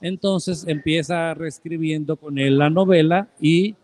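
A man's voice: on the high side, steady tone, a little slow, a little mellow. A man with a Mexican accent, a guest on a talk show, explaining at length and often checking in with his listeners. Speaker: guest, theater academy art director. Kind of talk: casual interview talk.

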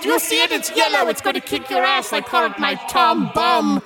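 A man's voice: very high-pitched, animated, brisk, over loud music, voice pushed up. A man voicing a boastful, cackling old hag, a villainous flying witch in a tabletop role-playing game. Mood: taunting. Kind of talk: tabletop role-play acting.

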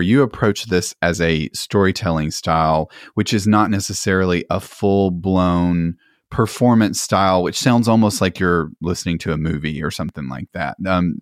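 A man's voice: deep voice, dry recording, studio quality. A man hosting a podcast interview, asking long, meandering questions in an enthusiastic, conversational way. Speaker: podcast host.

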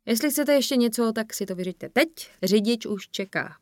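A woman voicing a curt, stressed male press spokesman who talks in a brusque, hurried way, in an audiobook reading. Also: fairly high pitch, animated, no room sound, studio quality, voice pushed up, close to an everyday voice. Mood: impatient.

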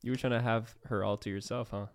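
A man's voice: fairly low pitch, steady tone, fast talker. A man hosting a podcast, teasing his guest with crude banter in casual chat. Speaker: podcast host.

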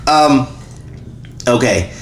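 A man's voice: medium pitch, animated, very slow, a little hiss or hum. A man in his late twenties hosting a casual chat from his apartment, his voice congested and nasal from illness, laughing often between words. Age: late 20s. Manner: laughs often, loose and giggly. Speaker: podcast host. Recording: echoey room.

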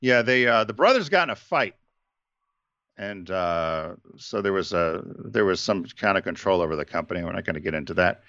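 A man's voice: deep voice, expressive, moderate pace, pushed and bright, no echo, highs cut off. A man co-hosting a casual business talk show, rambling with many fillers and restarts. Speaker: podcast co-host.

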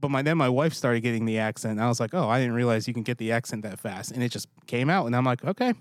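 A man's voice: mid-range voice, expressive, fast talker, dry recording, clean studio sound. A man co-hosting a podcast in casual chat, easygoing and a bit rambling as he reads tips and ads. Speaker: podcast co-host.

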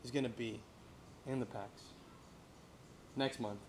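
A man's voice: medium pitch, fairly even intonation, measured pace, a little hiss or hum. A man from Santiago hosting a casual chat, eager and agreeable, who repeats himself for emphasis. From Santiago, Dominican Republic. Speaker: host.

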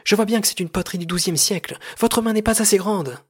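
An excitable potter who keeps crying out accusations, his voice lifted high and loud with a husky grain, in an over-the-top comic radio serial, with a man acting him out. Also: quick pace. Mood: indignant.

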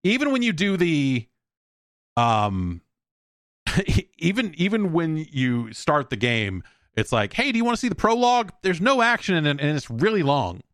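A fairly high, fairly bright male voice with big pitch swings moves at a measured pace, recorded in a dry, studio-quality space. He hosts a solo podcast about video games, rambling casually with wry asides and acted-out imagined exchanges.

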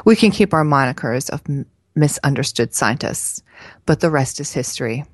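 A woman's voice: very deep voice, animated, normal speed, no room sound, studio quality. Woman reading as a pompous male scientist. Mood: grandiose. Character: grandiose male scientist founding a secret league.

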